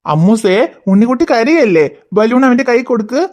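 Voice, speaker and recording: A patient, gentle cartoon father, voiced by a woman who coaxes and reasons with his children. The voice sits somewhat high and stays calm and firm. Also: moderate pace, lo-fi sound, close to an everyday voice. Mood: coaxing. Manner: coaxing, explaining patiently. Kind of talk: cartoon voice acting.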